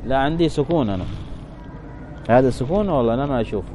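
A man's voice: medium pitch, expressive, very fast, mellow, slight background noise, poor audio. A man teaching a grammar lesson, reading from a text, explaining it and asking the class questions that he then answers himself. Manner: repeats key points, thinks aloud.

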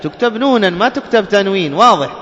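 A man teaching Quran recitation rules. He keeps checking "clear?" with his students and chants example words slowly. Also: sits high, expressive, a bit bright. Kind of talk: tajweed lesson. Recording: dull recording with long hall reverb and faint ambience.

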